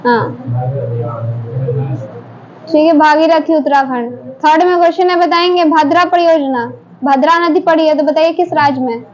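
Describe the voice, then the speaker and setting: A woman teacher running a quick quiz drill in a classroom, briskly prompting students to answer one after another. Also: high-pitched. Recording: dull lo-fi classroom recording, faint noise.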